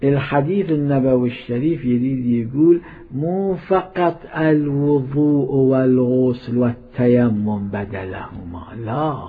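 A man's voice: medium pitch, a little slow. A man with an Iraqi Arabic accent preaching a sermon as a cleric, emphatic and scolding, repeating his points. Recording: tinny phone-like sound.

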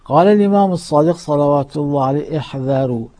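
A man preaching a sermon, swinging from loud declaiming to hushed, quick asides. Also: a little high.

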